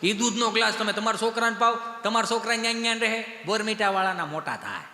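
A man's voice: high voice, lively intonation, fast talker, background noise. A man doing stand-up storytelling, acting out the voices of the people in his stories. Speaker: comedian. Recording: echoey hall with long reverb.

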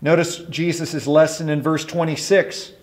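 A man's voice: a little high, flat delivery, moderate pace. Earnest man preaching a sermon. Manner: earnest preaching, swings from emphatic to soft; asks the congregation questions. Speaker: pastor.

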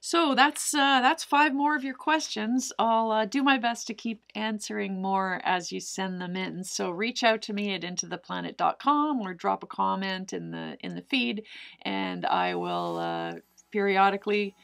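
A middle-aged woman tells a diving story straight to the camera, animated and chatty, with plenty of fillers. Her voice carries heavy fry and a gravelly edge. She sits close to the mic in an indoor room. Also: medium pitch, moderate pace. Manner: animated, gestures with both hands, frequent fillers. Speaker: cave diver answering viewer questions. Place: indoors in front of a brick wall.

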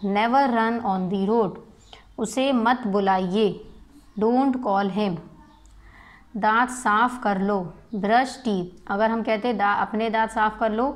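A woman schoolteacher giving a grammar lesson, slowly dictating Hindi sentences and their translations. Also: mid-range voice. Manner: slow, dictating word by word; mixes Hindi and English, repeats "ठीक है". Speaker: school English teacher. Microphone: recorded lesson video.

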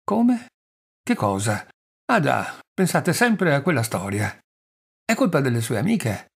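A man's voice: medium pitch, very animated, a little slow, vocal fry, husky, exaggerated voice. A man voicing a fawning, pleading husband. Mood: eager. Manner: plaintive and obsequious. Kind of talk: audiobook character reading.

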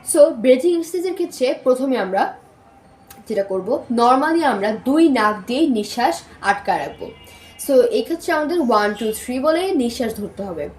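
A woman teaching spoken recitation, sounding out syllables and tongue twisters slowly and mixing in English words. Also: sits high, very animated, a little mellow, soft background music. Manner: slow, syllable-by-syllable demonstrations mixed with English words. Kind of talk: spoken recitation lesson with drills. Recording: echoey room with faint noise.

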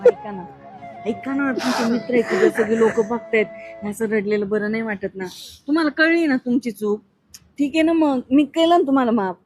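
Brief: woman as exasperated wife scolding her drunk husband, high voice, music bed. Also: brisk, a little mellow, lightly acted. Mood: gentle. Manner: scolding, pleading tone. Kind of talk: comic skit acting. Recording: background music.

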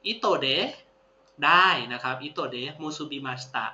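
A man speaks at medium pitch and normal speed, his tone bright and forceful, while teaching a classroom-style language lesson. He patiently repeats each word and praises his students. The recording is roomy, dull, and lo-fi, carrying a faint hum.

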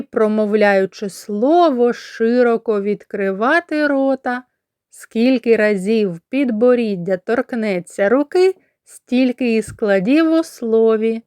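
Woman kindergarten teacher, slightly high voice, crisp close dry recording, patient lesson for small kids. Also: dry recording. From Ukraine. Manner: clear, deliberate articulation of sounds and syllables. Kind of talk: slow didactic lesson for children.

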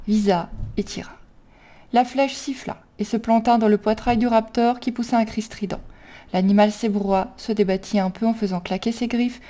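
A woman narrating her own fan fiction, reading at a steady, measured pace. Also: a little high. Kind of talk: storybook narration.

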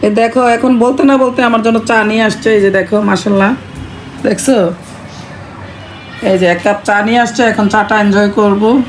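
A middle-aged woman, hoarse from shouting, playing a nagging mother-in-law in a playful family skit. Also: medium pitch, steady tone, moderate pace, long pauses, a little hiss or hum. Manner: scolding and nagging in character, then chatty.

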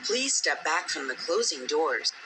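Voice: mid-range voice, sing-song. Noisy, swooping transit announcement voice. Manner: formal, measured public-address delivery. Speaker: train announcer. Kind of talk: automated subway train announcements, like an airport announcement. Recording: noisy game audio capture, train noise.

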